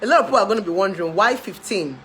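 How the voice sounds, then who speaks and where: Nigerian woman, 30s, relationship therapist, chatty livestream, mid pitch, faint hum behind. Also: lively intonation, racing, a bit bright, rough recording. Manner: chatty, laughs often, dips into pidgin. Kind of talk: casual chat to camera.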